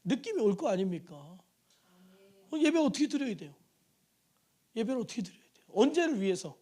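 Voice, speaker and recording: Pastor, male, very high voice with a lively melody, animated church sermon. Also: fairly quick. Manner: animated preaching, acts out voices, calls to congregation. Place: church sanctuary.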